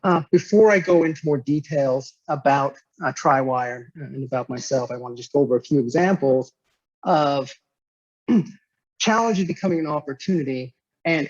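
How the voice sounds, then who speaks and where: Man, fifties, slightly high voice, business talk over video call, lots of "uh" fillers, dull dry audio. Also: no echo. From United States, Nevada. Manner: measured, with frequent "uh" fillers and repeated words. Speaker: guest speaker, company director. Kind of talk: online business presentation.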